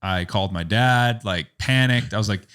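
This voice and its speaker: A man's voice: on the low side, moderate pace, clear, resonant tone. Young man telling a story, full of "like". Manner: animated, rambling, heavy use of "like", acts out quotes. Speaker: photographer and business owner, podcast guest. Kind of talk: casual storytelling in a podcast interview.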